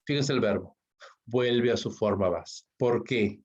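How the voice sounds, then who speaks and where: Low-pitched and unhurried with a breathy edge, a Peruvian man explains English grammar in an online class using a Peruvian Spanish accent. He moves through the rules step by step, asking "¿ok?" and "¿no?" after nearly every line, heard through a dull lo-fi recording.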